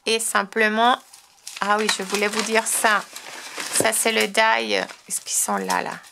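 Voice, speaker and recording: A French woman hosts a casual crafting tutorial, chatting enthusiastically as she shows off her cards, with frequent restarts and fillers. Her mid-range voice carries vocal fry, a level tone and a slightly slow pace, with background noise in the recording.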